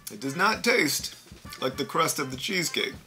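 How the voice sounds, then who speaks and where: Man talking while chewing, bright lively voice. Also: on the high side, normal speed, faint music behind. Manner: chatty, candid, playful asides. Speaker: vlogger. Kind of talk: casual taste-test vlog.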